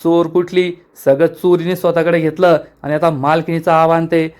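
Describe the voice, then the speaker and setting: A man's voice: fairly high pitch, flat delivery, moderate pace, darkish tone, clear, resonant tone, natural voice. A man reading aloud the lines of an angry, wronged woman who scolds and accuses her rival. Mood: scolding.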